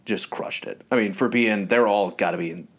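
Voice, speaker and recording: A man co-hosting a podcast, chatting casually and telling animated stories with frequent laughs. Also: on the low side, normal speed. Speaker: podcast co-host. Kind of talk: casual chat.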